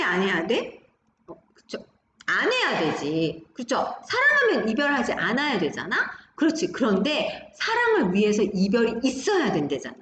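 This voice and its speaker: A woman teaching a high school Korean class online, talking students through examples with frequent tag questions. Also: a bit bright, roomy sound, a little hiss or hum. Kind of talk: recorded online class lecture.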